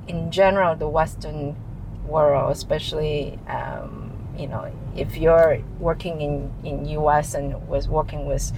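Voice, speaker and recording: A woman's voice: deep voice, noisy background. A woman who grew up in Taiwan, answering interview questions in a chatty way with frequent laughs and restarts. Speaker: interview guest, chief information officer.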